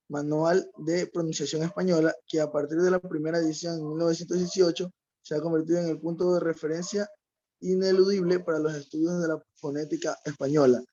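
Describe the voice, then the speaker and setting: A man presenting to his class, reading his text in a steady, formal way. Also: fairly high pitch, a little fast. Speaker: student presenter. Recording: dull lo-fi call audio.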